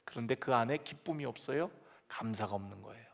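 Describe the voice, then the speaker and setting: A man pastor delivering a lively sermon, acting out quoted voices and dropping to soft asides. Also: medium pitch, brisk, vocal fry. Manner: animated preaching with dramatic quoted voices and sudden soft drops. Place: church sanctuary.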